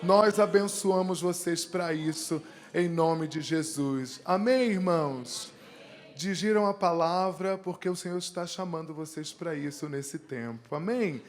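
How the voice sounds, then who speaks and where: A man preaching a sermon, fervent, at times rising into sung declarations. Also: high voice. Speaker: pastor.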